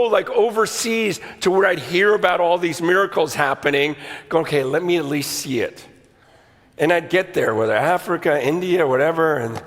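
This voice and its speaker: High-voiced preacher in a reverberant hall. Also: male voice. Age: 50s. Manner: animated, swings between hushed and shouting. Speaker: pastor. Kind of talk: sermon storytelling. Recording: long reverb of a large hall.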